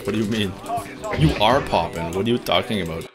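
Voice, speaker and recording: A young man talking like a hyped, excitable gamer bro, swearing and trash-talking loudly with friends during an online shooter. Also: fairly low pitch, fairly quick. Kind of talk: casual game chat with trash talk. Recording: loud music behind the voice. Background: music.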